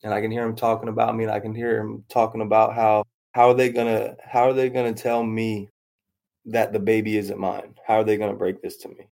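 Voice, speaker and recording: A man's voice: on the low side, monotone, fairly quick, vocal fry, a little mellow. A young man tells a rambling personal story, repeating himself and acting out what others said. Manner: rambling, repeats phrases, acts out voices in quotes. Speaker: storyteller recounting his past. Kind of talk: personal story told in casual talk.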